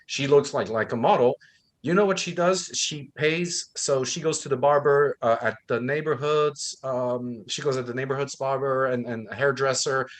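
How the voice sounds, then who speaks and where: A man raised in Thailand co-hosts a book discussion, talking passionately and performing the voices of those he quotes. His pitch is medium and his speed is normal. He argues his points with real conviction.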